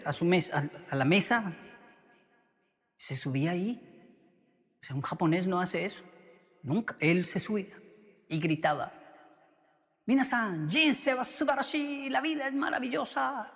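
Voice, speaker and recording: A man preaching a sermon, telling a story in an animated way. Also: a little high, in a large hall. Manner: animated, acts out quotes. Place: church.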